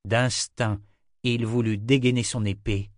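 Low-voiced man narrating an audiobook. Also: steady tone, unhurried, no echo, clean studio sound. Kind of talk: scripted narration.

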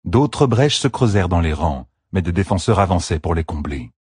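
A man narrating a fantasy battle audiobook with steady, dramatic storytelling. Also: sits low, normal speed, slightly rough, dry recording, clean studio sound.

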